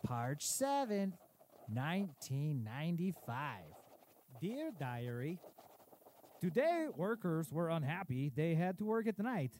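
An actor playing a cruel, boastful dark lord king reading his diary in broken grammar, in a comedic audio sketch. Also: fairly high pitch, very animated, slow pace, slight background noise. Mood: pompous.

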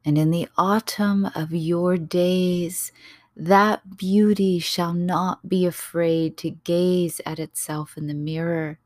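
A woman reading the lines of a gentle male prophet, speaking softly, low and slowly. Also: dry recording. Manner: soft, low and slow.

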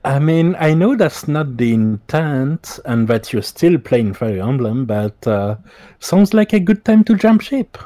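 A man co-hosting a casual gaming podcast, measured in speech and steering the discussion. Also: medium pitch, sing-song, warm tone, no echo. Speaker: podcast co-host.

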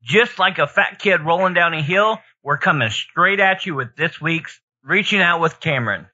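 A man putting on a showy circus ringmaster, announcing in a grand, drawn-out manner. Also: on the high side, expressive, pushed and bright, exaggerated voice. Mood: showy, hyped. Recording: dull, lo-fi podcast sound.

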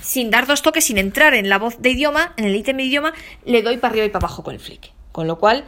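A woman's voice: a little high, expressive, fast talker, bright, forceful tone. A woman giving a casual spoken tutorial, talking straight to viewers and repeating aloud what her phone reads out. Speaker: instructor showing phone accessibility settings.

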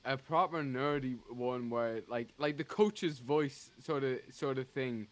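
Rambling podcast co-host. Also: male voice, medium pitch, unhurried, dry recording. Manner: rambling, restarts often, animated. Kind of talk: casual football chat.

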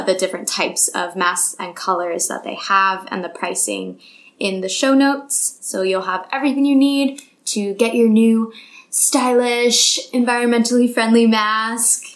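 A woman's voice: mid-range voice, a little slow. A woman co-hosting a podcast in a bubbly, upbeat casual chat, reading a sponsor segment. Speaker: podcast co-host.

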